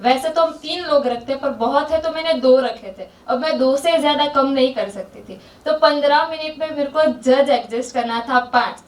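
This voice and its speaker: A young woman with a high voice tells a personal story to a gathering and lays out each event in turn. She sounds earnest throughout. Her voice is picked up from a distance, with the echo of a large hall around it. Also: normal speed, few pauses. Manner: earnest, retelling events step by step. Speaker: volunteer sharing an experience. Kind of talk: personal story told to a group. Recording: echoey hall, far from mic.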